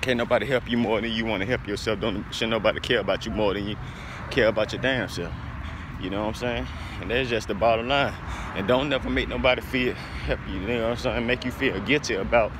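A man's voice: fairly low pitch, quick pace. A young American man talking bluntly and emphatically in a casual, slangy, profane vlog, recorded on a phone while walking outdoors. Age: young adult. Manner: blunt, emphatic, repeating catchphrases. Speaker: vlogger. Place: outdoors, walking along a street. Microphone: phone held at arm's length. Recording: noisy outdoor recording with traffic.

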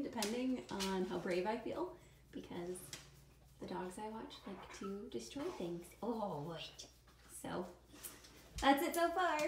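A young woman vlogs casually at home, holding the camera at arm's length while she chats upbeat with her pets as a pet sitter. Her voice is mid-range, and there's noise in the background.

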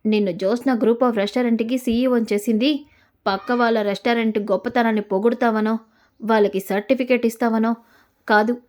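A woman's voice: a little high, darkish tone, close to an everyday voice. Woman voicing a furious old grandfather. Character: stern elderly grandfather, family patriarch, angry.

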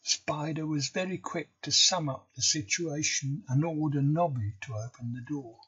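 A man reading a novel chapter aloud for English learners, slow and deliberate. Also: on the high side, fairly bright tone, slightly rough, dull audio. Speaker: audiobook reader.

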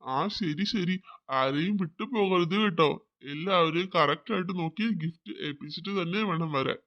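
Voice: medium pitch, normal speed, lo-fi sound, voice pushed down, natural voice. A performer voicing a kindly, fatherly old Santa Claus in a cartoon.

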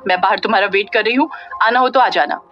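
A woman narrator voicing Ananya, a sulky young woman who complains in quick huffy bursts. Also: mid-range voice, close to an everyday voice. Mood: sulky irritated. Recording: dull lo-fi audio with faint music.

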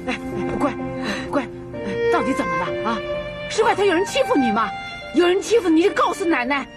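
A woman's voice: high-pitched, big pitch swings, fairly quick, over music. An actress playing a doting elderly grandmother who fusses, sighs and repeats herself in a TV drama. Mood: doting, soothing. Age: older.

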